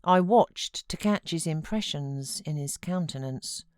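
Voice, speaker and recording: A British woman reads an audiobook, narrating literature in a measured, expressive way. Her low voice is smooth, and the studio-quality recording has no room sound.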